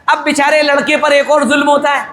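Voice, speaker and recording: A middle-aged male cleric preaching at a wedding in a very high, bright voice. He talks with forceful energy and jokes with the crowd. He throws in rhetorical questions and acts out little dialogues. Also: flat delivery, roomy sound. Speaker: Islamic cleric officiating a wedding. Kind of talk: wedding sermon, conversational.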